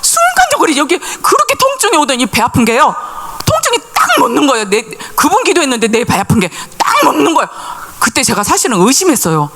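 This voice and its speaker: A woman's voice: high voice, wildly swooping pitch, fast talker, hardly any pauses, a bit bright. A middle-aged woman, a pastor's wife, giving an emotional church testimony and acting out the voices of the people in her story.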